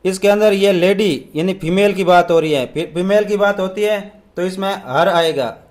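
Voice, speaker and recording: High-voiced man teaching an exam paper. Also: darkish tone. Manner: asks and answers own questions; reads English questions slowly.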